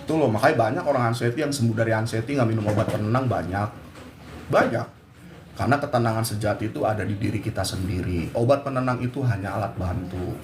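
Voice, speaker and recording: A man's voice: fairly low pitch, fast talker, roomy sound, a little hiss or hum. A man giving a blunt, scolding motivational talk to his viewers. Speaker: anxiety motivational speaker.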